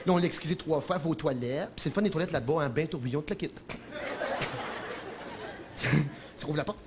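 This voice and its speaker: A man with a Quebec French accent doing an animated stand-up comedy monologue in a television studio, breaking into impressions. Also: on the high side, fairly quick, crowd noise, noisy background. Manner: animated, jumps into shouted impressions, chuckles at own jokes.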